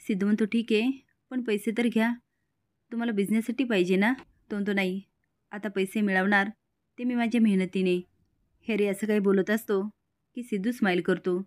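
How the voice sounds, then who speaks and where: Woman briskly recapping a serial. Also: mid-range voice, fairly even intonation, darkish tone, dry recording, studio quality. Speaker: storyteller. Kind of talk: recapping a TV serial, reading all the dialogue.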